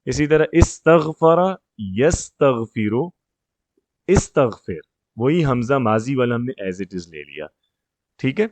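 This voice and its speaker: A man works through grammar rules with a single student in an even, mid-range voice. He goes step by step, drawls out example words slowly, and keeps checking that she follows. The sound is dry and close, with no room behind it. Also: mid-range voice, dry recording. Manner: explains step by step, checks understanding often; slows down to spell out example words. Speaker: Arabic grammar teacher. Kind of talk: patient one-on-one grammar tutoring.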